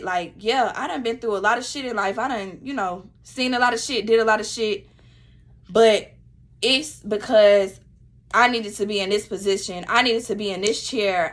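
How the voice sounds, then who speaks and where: A woman's voice: on the high side, fairly bright tone. A woman vlogger, giving blunt, profane, preachy motivational talk to her viewers. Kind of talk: casual motivational talk to camera.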